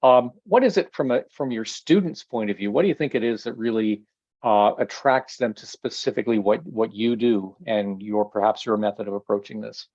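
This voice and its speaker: A man's voice: fairly low pitch, a little fast, a little mellow, no room sound. A man hosting an interview, asking polite, encouraging questions. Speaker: interviewer, host. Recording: dry, muffled lo-fi audio.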